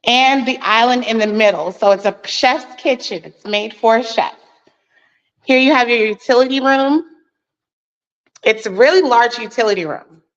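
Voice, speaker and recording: Woman realtor walking thru a house, bit breathy, kinda muffled lo-fi sound. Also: on the high side, normal speed. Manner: chatty, nervous, laughs often. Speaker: real estate agent. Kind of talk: walking home tour.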